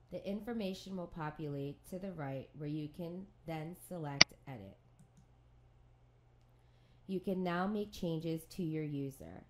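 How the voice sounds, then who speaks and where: A woman with a low voice reads scripted instructions for a software tutorial, measured and neutral as she walks through each step.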